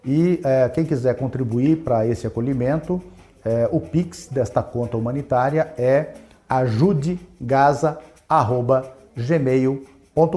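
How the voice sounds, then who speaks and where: A man's voice: mid-range voice, dark tone. A man who leads a community organization, giving a formal, earnest statement with some hesitations. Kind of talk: statement to a radio program.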